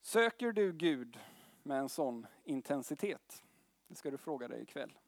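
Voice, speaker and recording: A young man preaching a sermon in a conversational way, mixing slang with tag questions and swinging between loud calls and quiet, slow lines. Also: mid-range voice, big pitch swings, no echo, clean studio sound.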